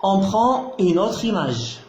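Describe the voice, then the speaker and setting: A man's voice: high voice, big pitch swings, slow pace, darkish tone, lo-fi sound, slight background noise. A man giving a patient lecture, repeating key terms and checking that students follow. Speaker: teacher. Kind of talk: slow explanatory lecture. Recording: echoey room.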